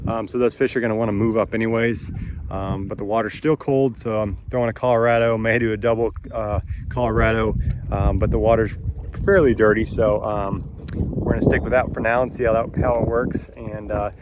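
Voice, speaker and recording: A man's voice: medium pitch, background noise. A man in his thirties chatting casually and instructively as a fishing vlogger, out on a boat on a lake. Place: outdoors on a boat on a windy lake.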